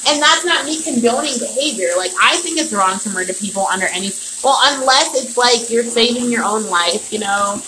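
In a slightly high, animated voice, a young woman hosts her own podcast, talking fairly quickly with hardly any pauses. She rambles loosely and swears freely, a bit tipsy. It's a noisy home recording made by the bathtub, with water running in the background.

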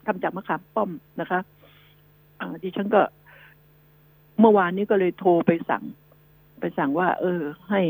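A woman's voice: mid-range voice, vocal fry, darkish tone, slightly rough, no room sound, low-quality recording. A woman hosting a radio news show, giving chatty, rambling advice to her listeners. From Thailand. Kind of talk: casual radio talk.

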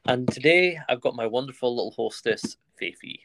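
A man's voice: medium pitch, lively intonation, moderate pace, creaky, a bit bright, no room sound. Young male podcast host, casual, cocky, stumbles on words, dry sound. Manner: boastful, swears, trips over his words. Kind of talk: casual chat.

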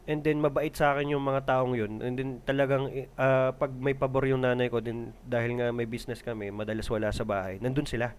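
Man, smooth resonant voice, frank, joking, casual chat. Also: medium pitch, level tone, brisk. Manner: frank, joking, says "pre" often.

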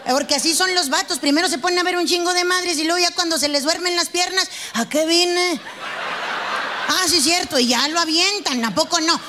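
A woman's voice: very high-pitched, a little fast, big-room sound, a crowd in the background, noisy background. A woman with a Mexican Spanish accent doing a brash, profane stand-up routine, acting out quarrels in quoted voices. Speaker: stand-up comedian.

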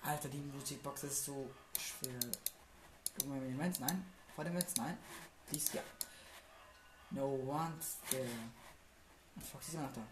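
A man commentating his way through a horror game, muttering to himself and swearing under his breath when things go wrong. His voice sits at an ordinary pitch and rings around an echoey room. A steady hiss of noise and mouse clicks sit behind him. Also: a little slow, pauses often. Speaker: gamer playing a horror game. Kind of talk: casual let's-play commentary.

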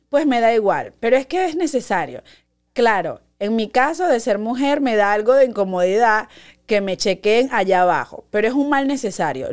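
A young adult woman, hosting a podcast as a chatty, animated storyteller. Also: fairly high pitch. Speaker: podcast host. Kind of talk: casual monologue.

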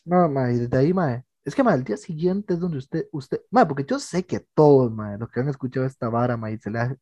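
Un hombre joven con acento costarricense que charla entre amigos en un podcast y cuenta anécdotas de forma animada, repitiendo "mae" sin parar. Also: male voice, medium pitch, fairly quick, no room sound. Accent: Costa Rican. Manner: animated storytelling, says "mae" constantly. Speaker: podcast co-host. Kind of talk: casual chat among friends.

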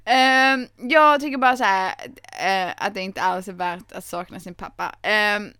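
Bright, animated woman podcast host. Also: mid-range voice, clear, resonant tone, dry recording, clean studio sound. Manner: animated, swears, acts out scenes with laughs. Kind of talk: casual chat about a film.

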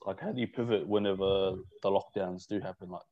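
A man's voice: deep voice, steady tone, fairly quick. A man hosting a casual, slangy interview. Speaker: podcast host. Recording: slightly dull call audio.

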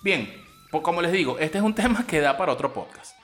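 A man's voice: a little high, lively intonation, a little fast, fairly bright tone, soft background music. A man with a Venezuelan accent hosting a podcast, talking in a crude, scornful and blunt monologue. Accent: Venezuelan Spanish. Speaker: podcast host.

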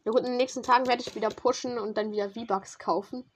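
Young woman streamer, high voice, excitable slangy play-by-play to a teammate. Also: fast, slight background noise. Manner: excitable, slangy, talks to a teammate while playing. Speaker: gamer streamer. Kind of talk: casual gaming commentary.

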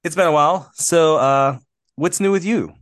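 A man's voice: on the high side, normal speed, a bit bright, no echo, clean studio sound. A man co-hosting a podcast, chatting casually in a rambling, self-deprecating way, often laughing. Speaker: podcast co-host. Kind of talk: casual chat.

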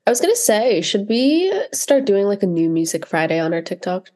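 A young woman co-hosting a casual podcast chat, laughing often and reacting quickly. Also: medium pitch, very animated, darkish tone. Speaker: podcast co-host.

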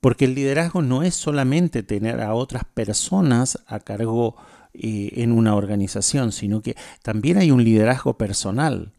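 A man hosting a radio segment, talking in a measured, reflective way about leadership before introducing a song. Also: medium pitch, creaky, mellow, no echo, studio quality. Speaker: radio host. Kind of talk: spoken talk on leadership, then a song introduction.

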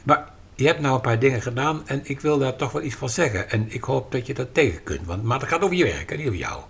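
A man in relaxed podcast conversation, his voice swinging widely up and down as he makes his points. He speaks emphatically and slips into little acted-out exchanges to show what he means. His pitch sits in an ordinary middle range. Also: quick pace, vocal fry, husky. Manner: animated, emphatic, acts out quoted dialogue. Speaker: podcast guest and writer.

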